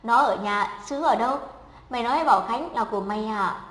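Bully role: a woman doing a shrill, insulting schoolgirl, bright, reverberant room. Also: normal speed, natural voice. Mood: spiteful. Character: spiteful jealous schoolgirl bully, female. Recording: echoey room with long reverb.

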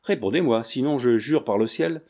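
A man's voice: medium pitch, normal speed, a little mellow, natural voice. A man reading the part of an angry, imperious middle-aged prince with curt, commanding questions. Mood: impatient.

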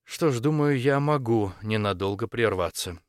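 A man voicing a composed, patient female church dean in an audiobook, speaking in a measured and polite way. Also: fairly low pitch, lively intonation, no room sound, studio quality, natural voice. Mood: calm.

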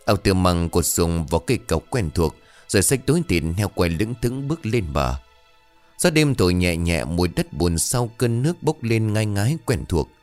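A man reading a ghost story aloud in a dramatic, expressive way. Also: low-pitched, normal speed, faint music behind. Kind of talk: scripted horror narration.

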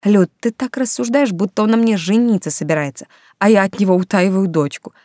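A woman's voice: medium pitch, brisk, a little mellow, no room sound, pitched above the performer's own voice, lightly acted. A woman voicing a reserved, sober-minded young single mother who speaks wryly, in a dry close reading. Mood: guarded. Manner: wry, reserved.

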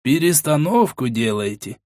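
A man's voice: fairly high pitch, sing-song, moderate pace, a little mellow, no echo, studio quality. A man reading an audiobook and voicing a grumpy, fussy old man who talks politely. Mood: grumbling. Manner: grumbling, fussy.

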